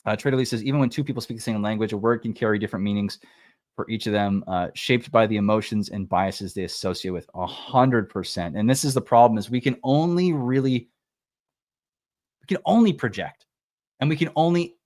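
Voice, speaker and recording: A man's voice: fairly low pitch, quick pace, a little mellow, no room sound, studio quality. A man hosting a casual livestream, musing thoughtfully and rambling with fillers and restarts. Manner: rambling, with many fillers and self-corrections. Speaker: livestream host. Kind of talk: casual reflective livestream talk.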